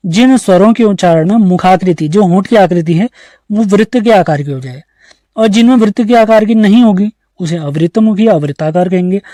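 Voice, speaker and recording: High mellow-voiced guy teaching grammar online, keeps asking then answering his own questions, dry sound. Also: no room sound. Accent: Uttarakhand Hindi. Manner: explains step by step, asks the class questions and answers them himself. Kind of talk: online exam-prep grammar lesson.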